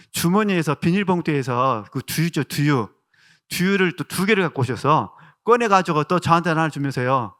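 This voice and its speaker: Bright, crisp Jeolla-accented pastor. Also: male voice, fairly high pitch. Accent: Jeolla Korean. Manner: warm storytelling with rhetorical questions to the congregation. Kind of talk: sermon.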